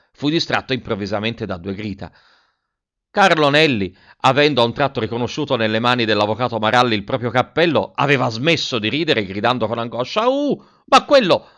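A man narrating a first-person story in an expressive reading voice, acting out the quoted lines. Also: on the low side. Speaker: audiobook narrator.

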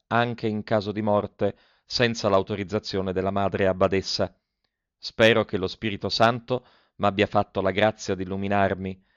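A man reading the letter of a cautious old nun in a measured, formal and ceremonious way. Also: fairly low pitch, no echo, dull audio, close to an everyday voice. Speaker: audiobook reader.

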